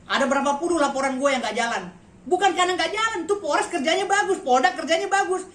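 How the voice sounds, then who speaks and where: A man's voice: extremely high pitch, lively intonation, quick pace, fairly bright tone. A man giving a heated press statement, blunt and insulting, with a habit of repeating a slang tag. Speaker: interviewee. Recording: echoey, faint background noise.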